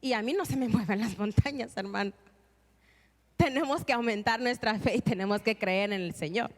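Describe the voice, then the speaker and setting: A woman's voice: a little high, moderate pace, big-room sound. A woman preaching an earnest, emphatic sermon and reading scripture in a church.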